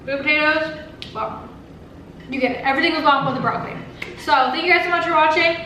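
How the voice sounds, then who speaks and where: A woman's voice: high-pitched, quick pace, sharp tone. A woman hosting a casual mukbang vlog, chatting while she eats. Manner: chatty, talks while eating. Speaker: vlog host. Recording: echoey room, distant mic, faint noise.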